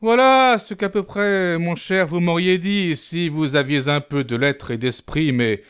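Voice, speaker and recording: A man's voice: fairly high pitch, unhurried, fairly bright tone, smooth. A man performing a proud, mocking poet-duelist in theatrical verse, declaimed grandly like a hammy stage actor. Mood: scornful, proud.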